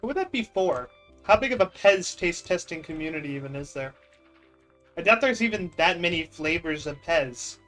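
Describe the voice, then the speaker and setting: Animated and fairly high-pitched, with a fairly bright tone and moderate pace, a young gaming streamer talks over faint music. He plays a block-building game and chats casually, rambling and teasing his chat in disbelief.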